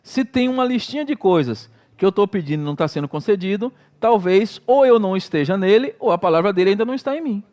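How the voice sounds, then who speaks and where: With a clear Brazilian Portuguese accent and a somewhat mellow, high-for-a-man voice, a middle-aged pastor from Brazil preaches loosely, narrating stories and performing his own prayers and exclamations.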